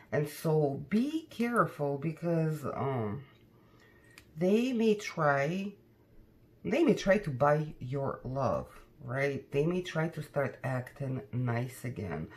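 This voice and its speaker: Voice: medium pitch, slight background noise. A tarot card reader talking casually to viewers in a conversational, cautioning way, often tagging questions onto statements.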